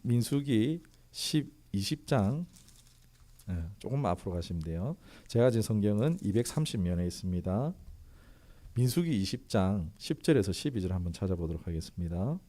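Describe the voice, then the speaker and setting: A man's voice: lowish voice, moderate pace. A male pastor preaching a sermon who keeps asking rhetorical questions and reads scripture aloud in a formal tone. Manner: lively, fires rhetorical questions at the congregation.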